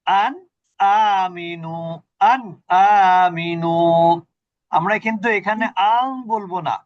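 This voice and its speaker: Male Quran recitation teacher, patient, quizzes students; high voice, dry, dull audio. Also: sharp tone, no echo. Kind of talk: online tajweed lesson.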